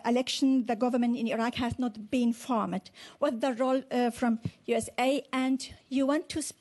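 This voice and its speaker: A woman's voice: on the high side, darkish tone. A woman TV reporter from Iraqi Kurdistan politely asking a question at a press conference, hesitating with many fillers.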